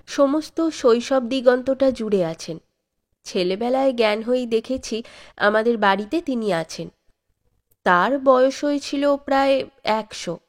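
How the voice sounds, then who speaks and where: Give me a woman storyteller narrating an audiobook at an unhurried pace. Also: fairly high pitch. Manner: measured, expressive reading.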